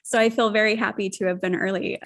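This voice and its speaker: A woman's voice: mid-range voice, fairly even intonation, fast, fairly bright tone. A woman hosting a casual interview, asking questions in a friendly, upbeat way and laughing often. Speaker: podcast host interviewer.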